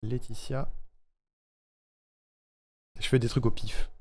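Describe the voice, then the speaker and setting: A man streaming live, chatting casually and haltingly, thinking out loud with plenty of hesitations. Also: medium pitch, level tone, slightly rough. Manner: halting, thinking aloud, lots of fillers.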